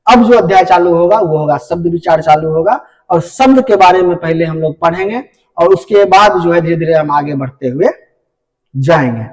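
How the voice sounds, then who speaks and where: High-voiced man teaching grammar. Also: normal speed, poor audio. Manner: explains step by step, often checks with "ठीक है" and asks then answers his own questions. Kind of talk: classroom lesson.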